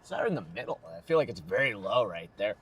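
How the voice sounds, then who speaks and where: A man's voice: fairly low pitch, very animated, fast talker, a bit bright, slight background noise. An American man chatting casually on a livestream as a storm chaser, talking from inside a vehicle. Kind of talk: casual livestream chat while storm chasing.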